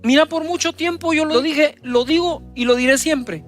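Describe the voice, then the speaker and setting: A male pastor preaching a sermon, reading scripture aloud and retelling it with dramatic swings in emphasis and loudness. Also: very high voice, moderate pace, faint music behind.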